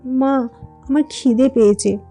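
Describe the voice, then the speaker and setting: A small feverish village boy, played by a woman reader, eager and pleading for his food. The childish voice sits higher, with faint music under it. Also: steady tone, takes it slowly, dark tone.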